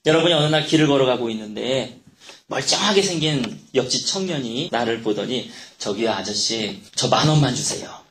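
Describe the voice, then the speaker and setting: A man's voice: medium pitch, fairly bright tone, echoey room, slight background noise. A male pastor preaching a sermon, telling a story and acting out its dialogue in different voices.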